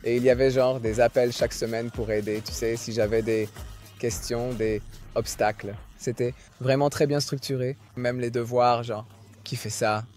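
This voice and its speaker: Relaxed man in his twenties from Egypt. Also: medium pitch, moderate pace, faint music behind. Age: 20s. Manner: relaxed, conversational, uses fillers like "genre" and "tu sais". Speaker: guest, challenge winner. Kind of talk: dubbed interview answers.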